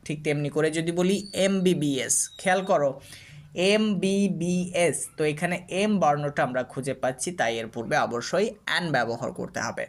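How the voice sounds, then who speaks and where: A man with a Bengali accent explains English grammar in the steady manner of a classroom teacher. He repeats example words and drills them patiently. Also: fairly high pitch, fast talker, hardly any pauses. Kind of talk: explaining lesson to students.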